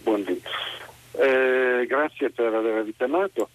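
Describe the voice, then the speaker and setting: A middle-aged man from Turin calling in by phone to a talk radio show. He works as a counselor for violent men and explains things in a measured way, with frequent "eh" pauses. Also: mid-range voice, low-quality recording. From Turin, Italy. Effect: phone caller heard over the radio.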